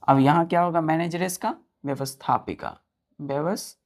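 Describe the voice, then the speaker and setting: A woman's voice: low-pitched, brisk, a little mellow. A woman teaching grammar to students, spelling words out letter by letter, repeating each answer and checking that they follow. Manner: keeps checking if students understood.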